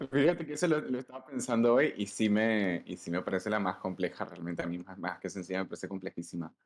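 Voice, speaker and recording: A man's voice: lowish voice, normal speed. A man from Venezuela, a doctor answering interview questions in a thoughtful, hedging way.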